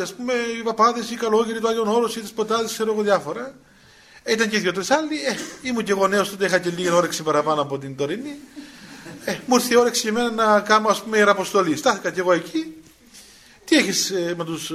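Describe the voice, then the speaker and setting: An older priest from Cyprus, with a high, pushed and bright voice, gives a spiritual talk woven with personal story in a homely, storytelling style. His Cypriot Greek accent colours every phrase, and he drifts into colloquial asides punctuated by small chuckles.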